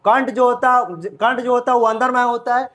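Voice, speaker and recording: A man's voice: very high voice, flat delivery, brisk, a bit bright. A man teaching a grammar lesson, repeatedly asking questions and answering them himself, sounding out letters aloud as examples. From India. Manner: repetitive call-and-answer questioning. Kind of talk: classroom lesson.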